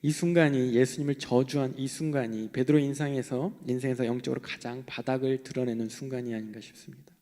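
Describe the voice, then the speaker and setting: A young man preaching a sermon in an animated way, swinging between loud outbursts and hushed asides. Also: mid-range voice, fast. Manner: animated, acting out quoted voices, shifting between loud and hushed. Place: church hall. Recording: long hall reverb.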